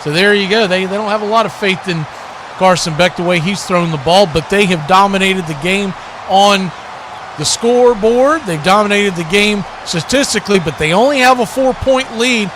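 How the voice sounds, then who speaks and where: Calling American football live as the announcer, this man speaks at normal speed in a very high voice. His commentary has clear background noise running underneath.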